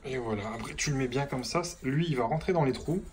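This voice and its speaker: Male tradesman, plumber type, mid-pitched, talking loosely to camera while he works, recorded on a handheld phone with clear site noise and clicks behind him. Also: brisk. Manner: chatty and informal, keeps saying "tu vois" to the viewer. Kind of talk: casual on-the-job how-to. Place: indoor building site under renovation. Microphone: phone held in hand while working.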